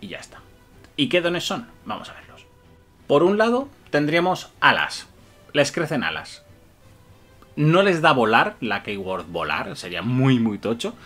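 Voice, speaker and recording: A man's voice: medium pitch, wildly swooping pitch, a little slow, fairly bright tone, faint music behind. A man breaks down tabletop game rules to camera with eager enthusiasm. He chuckles often and peppers his explanations with "eh" and "vale". The sound is that of a webcam at a desk in a small room. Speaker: tabletop wargame rules reviewer.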